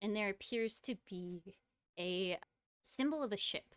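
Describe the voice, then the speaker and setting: A woman's voice: mid-range voice, measured pace, no echo, studio quality. A woman running a tabletop game as dungeon master, describing scenes at length and laughing now and then.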